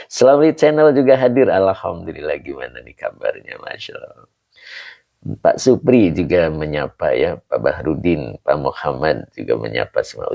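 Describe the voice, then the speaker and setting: A very deep, gravelly male teacher, leading a live online religious lesson. His pitch moves a lot as he greets viewers between careful grammar explanations. The stream audio is dull and lo-fi. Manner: greets viewers warmly with frequent chuckles and pious phrases.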